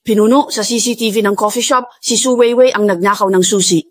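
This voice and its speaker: A woman dubbing a loyal young assistant who reports briskly and respectfully to her leader in a drama. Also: mid-range voice, close to an everyday voice. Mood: reporting. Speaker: voice actor in a Filipino dub. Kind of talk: dubbed drama acting.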